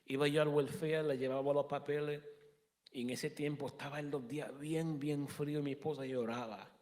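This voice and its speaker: A man in his thirties giving a halting personal testimony in a church interview, often restarting and slipping in English words. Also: fairly high pitch, steady tone, darkish tone, in a large hall.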